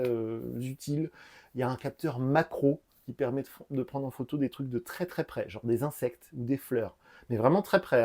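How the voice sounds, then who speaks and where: A middle-aged French man, once a phone salesman, presents a casual buying-guide explainer on a lapel mic. His voice is on the high side with a dark tone, and he talks in a relaxed, chatty way while repeating his main points.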